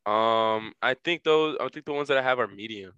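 A man's voice: medium pitch, moderate pace, pushed and bright, clean tone, no echo, lo-fi sound. A young man co-hosting a podcast in casual chat, joking and laughing through crude banter over a remote call. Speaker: podcast co-host. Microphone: home mic on a remote call.

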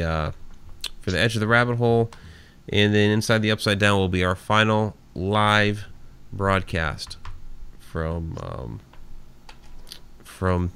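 This smooth voice belongs to a man in his forties, pitched fairly low with a fairly bright tone. Hosting a live radio show, he thanks listeners by name and keeps the chat relaxed and easy.

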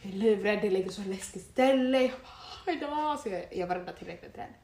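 A young woman co-hosting a casual chat, telling stories in an animated, slangy way and swearing often. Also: medium pitch. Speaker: podcast co-host. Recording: echoey room with faint noise.

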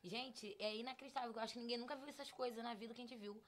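A woman chatting casually, recalling a river trip with slow, amazed emphasis. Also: a little high, steady tone, fairly bright tone. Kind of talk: casual chat.

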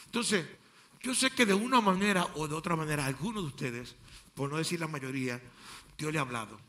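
A male pastor preaching an impassioned sermon, swinging between quiet passages and loud outbursts. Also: on the high side, animated, a little fast.

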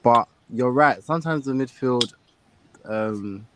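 A man's voice: medium pitch, slow, a bit bright, a little hiss or hum. A man with a London accent chatting casually as a football fan, slangy and peppering his talk with "like". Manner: slangy, filler-heavy with frequent "like". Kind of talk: casual chat.

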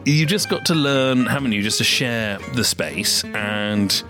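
A man's voice: medium pitch, lively intonation, music in the background. Rambling man hosting a comic show. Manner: rambling, halting, mock-earnest. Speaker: podcast host. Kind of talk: comic podcast monologue.

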